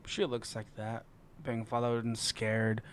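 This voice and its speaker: Young male reaction host, unhurried slangy delivery, medium pitch, background noise on the recording. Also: completely flat delivery. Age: young adult, about 18. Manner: slangy, swearing. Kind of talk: casual reaction commentary.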